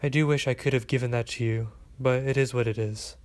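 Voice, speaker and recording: Man reading as a gentle caring mother. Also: mid-range voice, fairly even intonation, fairly quick, lightly acted. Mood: tender.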